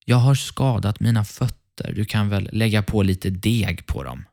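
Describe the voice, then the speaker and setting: A man's voice: fairly low pitch, vocal fry, a little mellow. A man voicing a sly, hungry male wolf who raises his voice to pass as a mother goat. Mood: menacing. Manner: wheedling, falsely sweet.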